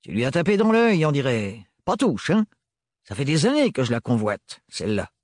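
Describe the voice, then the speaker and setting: A man's voice: medium pitch, wildly swooping pitch, moderate pace, a little mellow, no echo, clean studio sound. A man voicing a jovial, sly male servant with a chummy, teasing, slangy way of talking. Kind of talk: audiobook character voice.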